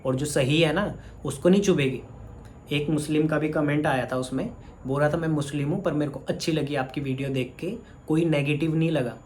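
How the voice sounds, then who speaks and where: A man's voice: mid-range voice, darkish tone, a little hiss or hum. A man speaks in a mid-range voice, lecturing a commenter head-on. His heated rant runs on in short, pointed phrases. It is a vlog talk aimed straight at the camera. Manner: scolding, addresses a commenter directly. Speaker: vlogger.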